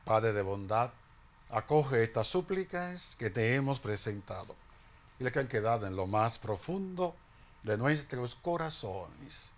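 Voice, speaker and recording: A middle-aged man, a priest leading liturgical prayers at Mass in a small chapel, intoning slowly and solemnly. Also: mid-range voice, very animated.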